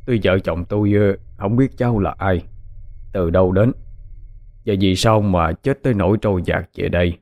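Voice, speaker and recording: A man's voice: sits low, moderate pace, phone-quality sound. Man as a humble kind village husband. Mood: earnest. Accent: Southern Vietnamese. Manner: humble, earnest, hesitant with fillers.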